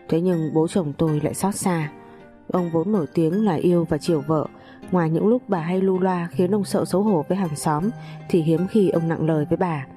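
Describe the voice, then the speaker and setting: A woman narrates a first-person story with calm, dry wit. Her voice is low and mellow, and faint music plays under her reading.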